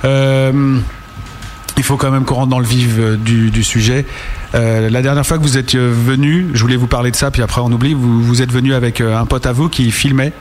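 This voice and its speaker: A man's voice: medium pitch, fairly even intonation, brisk, darkish tone, slight background noise. A man hosting a radio show, interviewing in a slangy, familiar, casual way.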